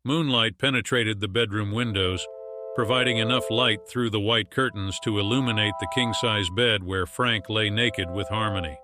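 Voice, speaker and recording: A man narrating a science fiction audiobook in a measured storytelling delivery, over music. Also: lowish voice, fairly even intonation. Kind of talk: scripted narration.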